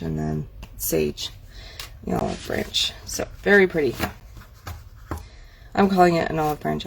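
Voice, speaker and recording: Gravelly-voiced woman chatting through a craft catalog. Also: low-pitched, a little mellow, a little hiss or hum. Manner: chatty, admiring, thinking aloud. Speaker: craft demonstrator. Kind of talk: casual product walk-through.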